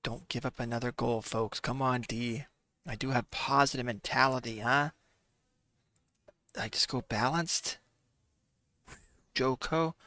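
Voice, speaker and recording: A man's voice: mid-range voice, steady tone, measured pace, long pauses, bright, forceful tone, no echo. A man commenting casually on a football management game, chatting to viewers as "folks" and sighing and laughing through his frustration. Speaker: gaming commentator.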